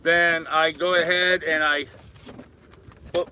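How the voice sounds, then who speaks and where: An older man on a boat at anchor runs a casual live chat, his voice on the high side, flat and slow, with background noise around him. He rambles, reading and answering comments and addressing viewers in a familiar way.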